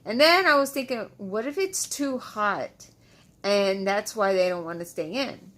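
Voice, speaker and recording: A woman's voice: medium pitch, unhurried, a bit bright. A woman chatting casually to followers in a frustrated, repetitive way, close to the mic, with the speech of someone wearing loose dentures without adhesive. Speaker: vlogger. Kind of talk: casual storytime chat to followers.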